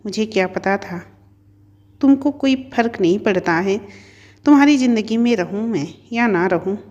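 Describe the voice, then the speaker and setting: A woman voicing a stubborn, proud young wife who lashes out in sharp, demanding outbursts in a storybook. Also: medium pitch, expressive, normal speed, lo-fi sound, close to an everyday voice. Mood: bitter. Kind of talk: storybook narration.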